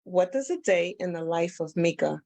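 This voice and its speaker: A woman's voice: fairly low pitch, expressive, moderate pace, creaky, a little mellow. A woman with a New York accent hosting an interview, friendly and chatty, laughing easily. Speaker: host. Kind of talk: casual interview chat.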